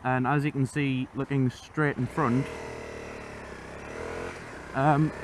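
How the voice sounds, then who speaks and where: A man with a mid-pitched voice talks from inside a motorcycle helmet, so it sounds enclosed and muffled. He rambles in a chatty, self-deprecating vlog style while riding. Loud wind, engine and road noise runs behind his words. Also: little pitch movement, takes it slowly. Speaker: motorcycle vlogger. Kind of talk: casual chat while riding. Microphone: microphone inside a helmet.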